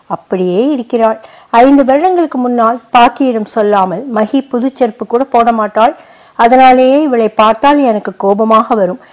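A woman narrating a short story in a measured, even reading voice. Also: a little high, poor audio. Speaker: story reader. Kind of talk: scripted narration.

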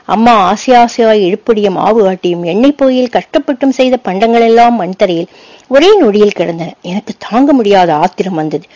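A woman's voice: mid-range voice, lively intonation, moderate pace, warm tone, dry recording, poor audio. Dry, close woman storyteller. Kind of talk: story narration.

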